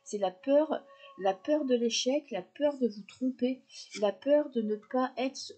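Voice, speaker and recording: Speaking a little slowly in a high-pitched, mellow voice, a tarot reader gives a casual reading. She chats straight to her viewers, using plenty of fillers along the way.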